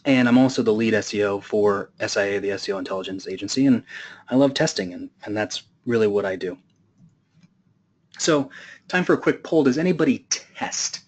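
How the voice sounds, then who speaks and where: A man's voice: on the low side, animated, brisk. Casual, joking male speaker. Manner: casual and humorous, with fillers. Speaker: conference speaker. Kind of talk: storytelling presentation.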